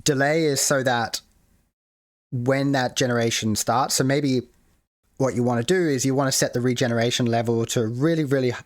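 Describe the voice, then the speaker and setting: A man's voice: medium pitch, fairly even intonation, moderate pace, no room sound, studio quality. A man hosting a casual screen-share tutorial on building a game mode, rambling with many fillers and restarts. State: hiccuping. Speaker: game modding tutorial host.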